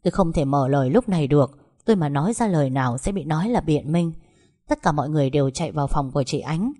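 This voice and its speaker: Woman narrating a story, low voice. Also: animated, fast talker, dark tone. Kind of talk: first-person story narration.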